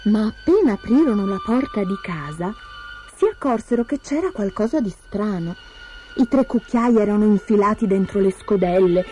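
Expressive woman reading a fairy tale. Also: mid-range voice, soft background music. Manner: expressive, slows for suspense. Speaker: storyteller.

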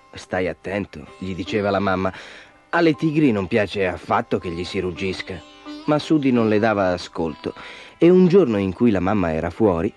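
A man narrating a children's story in a lively, sing-song way. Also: medium pitch. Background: soft sitar music.

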